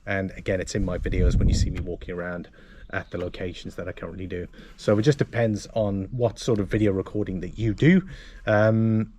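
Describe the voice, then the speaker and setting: A man presenting a casual gear walkthrough to camera, explaining things in a halting, self-correcting way. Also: on the low side, darkish tone. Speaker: motovlogger and presenter.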